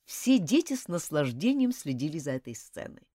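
Female storybook narrator, expressive and very animated, dry close-miked sound. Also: sits low, moderate pace, dry recording. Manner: animated, dramatic reading. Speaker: audiobook narrator.

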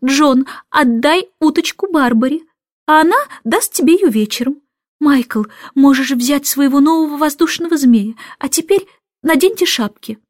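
Lady putting on a frazzled mom from a storybook, high and fussy, dry close sound. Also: expressive, moderate pace, no room sound. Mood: scolding. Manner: high, plaintive, fussing. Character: harried middle-aged mother, exasperated and flustered.

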